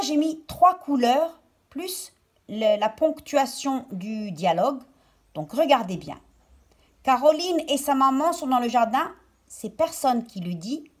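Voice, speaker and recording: Slow, high-voiced woman teaching as if dictating. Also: darkish tone. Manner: didactic, phrase-by-phrase delivery as if dictating. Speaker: primary school teacher. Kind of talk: recorded lesson for children.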